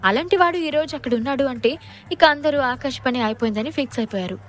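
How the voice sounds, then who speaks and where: A woman's voice: high-pitched, fast talker. A woman narrator telling a dramatic audio story in scripted, storytelling delivery.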